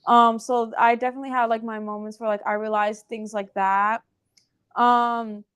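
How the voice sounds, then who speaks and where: A young woman in her twenties chats through a casual interview, her voice smooth and clear and sitting a touch high. She fills her sentences with little fillers and tells her story in an animated, running way, recorded in her own nail salon. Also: normal speed. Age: 20s. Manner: chatty, filler-heavy with many "like"s, animated retelling. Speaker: guest, nail salon owner.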